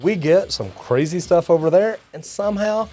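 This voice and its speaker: With faint music behind him, a Texas master plumber and video host, middle-aged or older, reads out comments and responds folksily, addressing y'all and guys. He has a high, dark, expressive voice and keeps a moderate pace.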